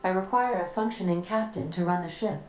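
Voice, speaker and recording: A woman voicing a calm, polite female ship computer in a video game, formal, precise and dryly witty. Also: on the low side, a little fast, soft background music, close to an everyday voice. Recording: roomy game audio.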